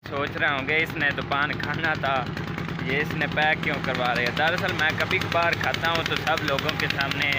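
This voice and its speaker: This is a casual village-walk vlog: a man from Pakistan, throat a bit sore, heads to a shop along an outdoor lane while chatting straight to viewers. His pitch is medium, and the recording is very noisy.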